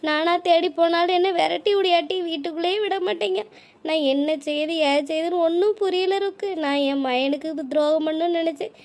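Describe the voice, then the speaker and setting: A woman voicing a weepy old village widow. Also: extremely high pitch. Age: older. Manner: tearful, pleading, self-blaming. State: crying.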